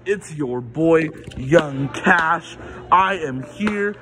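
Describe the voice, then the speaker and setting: A man's voice: a little high, expressive, drawn-out words, over music. A teenage boy co-hosting a casual key review outdoors, laid-back and slangy with short replies. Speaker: co-host reviewer.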